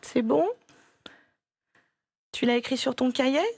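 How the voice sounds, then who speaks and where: French woman, primary teacher, slow careful delivery, patient and encouraging, dry close sound. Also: high voice, vocal fry, a little mellow, breathy edge, dry recording. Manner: patient and encouraging, repeating words slowly. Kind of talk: slow, clear classroom instruction to a child.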